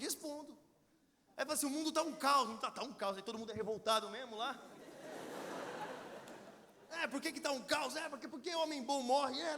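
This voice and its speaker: Speaking to a youth conference audience in a large hall, a man with a Brazilian Portuguese accent and a very high, slightly bright voice tells a slangy, casual sermon story, acting out its dialogue. Long hall reverb and crowd murmur fill the recording.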